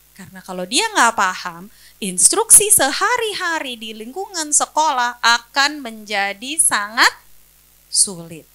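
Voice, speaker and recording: A woman's voice: sits high, sharp tone. A woman speech-language pathologist giving an educational talk for parents, explaining step by step, asking rhetorical questions and answering them, and listing examples one by one.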